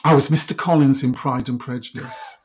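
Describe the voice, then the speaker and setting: A man's voice: mid-range voice, steady tone, brisk, darkish tone, husky. Male interviewee, middle-aged, Welsh Valleys accent; reflective, hesitant conversational delivery. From South Wales Valleys. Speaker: interview guest.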